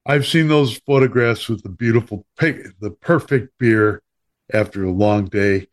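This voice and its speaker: Rambling middle-aged Chicago host. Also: male voice, lowish voice, unhurried. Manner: rambling, lively, many fillers and restarts. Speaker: podcast host. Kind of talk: casual chat.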